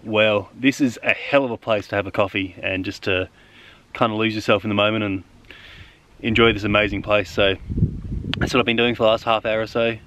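An Australian man in his thirties talking casually to camera on a clifftop in the bush, relaxed and rambling with many fillers. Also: lowish voice, a little fast, slight background noise. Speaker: solo hiking vlogger. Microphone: camera mic at arm's length.

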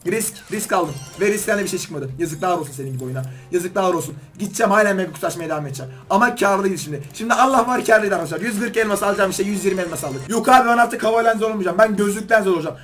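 A man doing excited gaming commentary as a YouTuber, pleading with and scolding the game while opening loot boxes. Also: sits high, rapid-fire, few pauses, faint music behind.

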